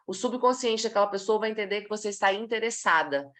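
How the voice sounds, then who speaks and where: A woman from Brazil gives a live online talk on body language to professionals. She is lively and demonstrative, acting out little scenes to make her points, in a mid-range voice. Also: mid-range voice, fast.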